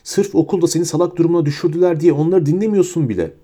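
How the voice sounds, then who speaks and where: A man's voice: fairly high pitch, rapid-fire, mellow, pitched above the performer's own voice, natural voice. A man voicing a defiant teenage boy wizard in an audiobook, speaking sharply. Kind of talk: audiobook character voice.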